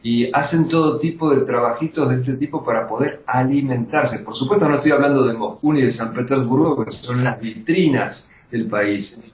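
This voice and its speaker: An older man with an Argentine Spanish accent, a journalist answering interview questions emphatically, with measured pauses and restarts. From born in Austria to Russian parents. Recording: roomy, dull lo-fi audio with faint rumble.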